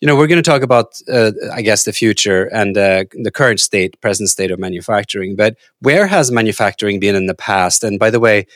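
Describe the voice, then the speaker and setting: A man's voice: on the low side, a bit bright, dry recording, clean studio sound. Man hosting a podcast. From Norway. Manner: scripted intro then casual, halting questions. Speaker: podcast host. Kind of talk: podcast interview.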